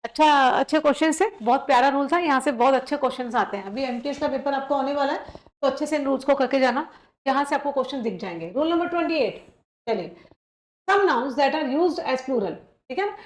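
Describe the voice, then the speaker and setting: A woman teaching an exam-prep grammar lesson, explaining step by step and often checking in with her students while she reads example sentences slowly. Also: high voice, reverberant.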